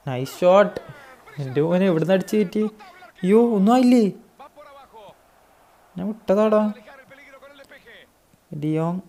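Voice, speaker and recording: A man with a hoarse voice giving excitable live commentary on his own football video game match, mixing English phrases into his talk. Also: a little high. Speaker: gaming YouTuber.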